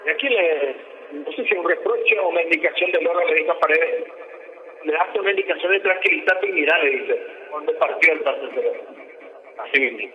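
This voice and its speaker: A Paraguayan man doing breakneck, excitable live radio football commentary, with drawn-out cries and repeated words. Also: on the high side, phone-quality sound.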